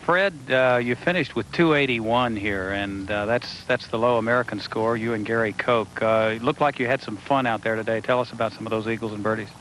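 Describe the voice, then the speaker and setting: A man's voice: lowish voice, brisk, hardly any pauses, a bit bright, low-quality recording. Male sports interviewer outdoors. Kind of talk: post-round interview questions. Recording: outdoor broadcast, faint noise.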